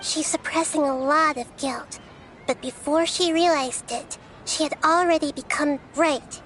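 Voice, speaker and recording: Young knowing guide in a game, measured and explanatory, high voice. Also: female voice, steady tone, fairly bright tone, a little hiss or hum, low-quality recording. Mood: analytical. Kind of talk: video game voice acting.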